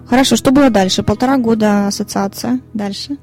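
Woman host firing off quick questions, warm mellow tone, fairly high voice. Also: soft background music. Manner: quick, prompting follow-up questions. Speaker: radio show host. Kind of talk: friendly interview questions.

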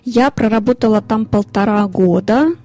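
A woman in her thirties from Ukraine, a lawyer and consultant, answering interview questions in a measured way with fillers. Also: mid-range voice, darkish tone. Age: 30s. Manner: measured, listing things with fillers.

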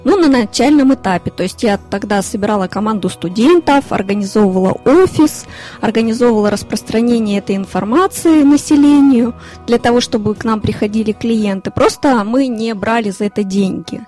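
A woman in her thirties from Ukraine, a lawyer and consultant, answering interview questions in a measured way with fillers. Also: on the high side, mellow, soft background music. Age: 30s. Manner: measured, listing things with fillers.

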